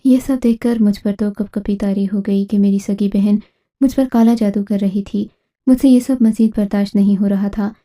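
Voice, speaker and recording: A woman with a medium-pitched voice narrates, as "I," a dramatic episode from her family's life. Her pacing is steady and her telling sounds scripted.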